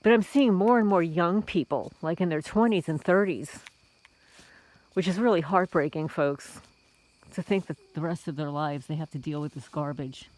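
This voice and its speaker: A middle-aged homesteading vlogger from the Bronx, New York, delivers a casual, indignant monologue to viewers, firing off rhetorical questions and calling them folks. Her voice is low and a little mellow, at a moderate pace. The recording is rough.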